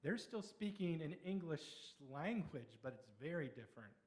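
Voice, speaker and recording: A middle-aged man from Pennsylvania giving a conversational slide lecture on history, with explanatory pauses and restarts. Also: on the high side, big pitch swings. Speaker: local history speaker.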